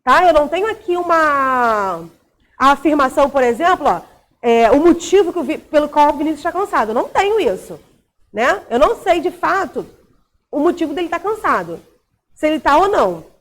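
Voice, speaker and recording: A woman's voice: high voice, very animated, brisk. A woman teacher with a Brazilian Portuguese accent, explaining a recorded grammar lesson and checking in often with short tag questions.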